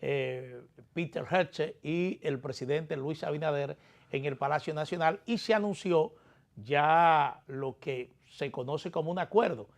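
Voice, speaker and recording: A man's voice: a little high, a little slow, vocal fry. A man with a Dominican Caribbean Spanish accent, hosting an interview show in a courteous, formal broadcast style.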